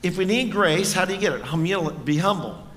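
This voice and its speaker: A man's voice: high-pitched, animated, fairly quick, fairly bright tone, in a large hall. A man preaching a sermon in a church, earnest and conversational, often asking the congregation questions. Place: church sanctuary.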